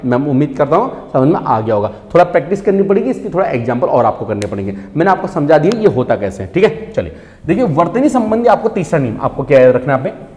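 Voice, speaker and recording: A man teaching a Hindi spelling lesson, constantly asking questions and answering them himself, drawing out key words slowly. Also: on the high side, a little mellow. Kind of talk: classroom-style online lesson. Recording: long reverb.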